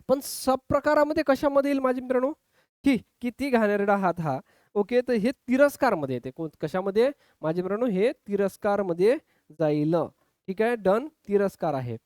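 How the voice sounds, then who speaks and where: In a clean, high voice recorded dry with studio quality, a man teaches an online grammar lesson for exam prep. He's lively, acting out example exclamations and repeatedly calling his students friends.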